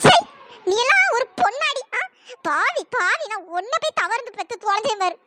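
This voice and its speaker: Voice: very high voice, big pitch swings, moderate pace, full character voice. A performer voicing an old grandmother in a cartoon story who comforts her granddaughter tenderly and scolds her own daughter furiously. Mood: furious scolding. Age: older. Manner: scolding, shouting. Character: fierce loving old grandmother, sharp-tongued.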